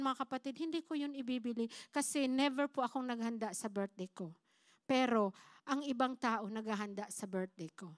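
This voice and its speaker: A smooth, somewhat bright, high-sitting female voice, recorded at studio quality with no echo. It belongs to a pastor preaching a testimony sermon at church in Tagalog laced with English. She keeps calling her listeners "mga kapatid" and performs the dialogue she quotes in her story.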